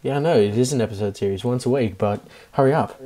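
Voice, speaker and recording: A man hosts a casual online card game over voice chat, reading each card aloud between bursts of laughter. He teases the other players. His voice is mellow and a touch dark, at a middling pitch. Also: fast. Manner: reads cards aloud, giggly and teasing. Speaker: game host reading cards.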